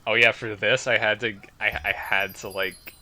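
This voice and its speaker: A man chatting excitedly on a group commentary about his own series, laughing often. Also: lowish voice, moderate pace. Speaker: series creator. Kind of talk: commentary chat.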